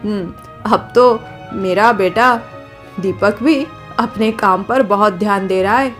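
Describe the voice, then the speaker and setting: A woman voicing a kind, modest elderly mother-in-law in a cartoon story, talking softly. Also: mid-range voice, slow, faint music behind, natural voice. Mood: warm praise.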